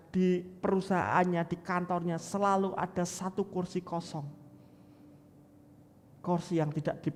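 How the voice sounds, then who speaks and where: A man preaching a sermon as pastor, telling a story with lively acted-out quotes and often addressing the congregation directly. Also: high-pitched. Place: church sanctuary. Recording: long hall reverb in a church.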